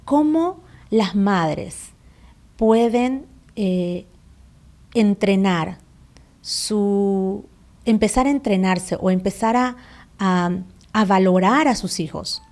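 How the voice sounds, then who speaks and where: A woman's voice: mid-range voice, darkish tone. A woman hosting a podcast, asking reflective questions in a thoughtful, slightly hesitant way. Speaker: podcast host. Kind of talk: conversational interview.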